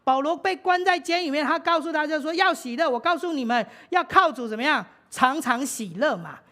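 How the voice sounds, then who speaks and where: Woman preacher, Taiwanese Mandarin accent, casual storytelling sermon, fairly high voice. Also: animated, brisk, a bit bright. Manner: chatty, laughs often, many fillers. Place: church.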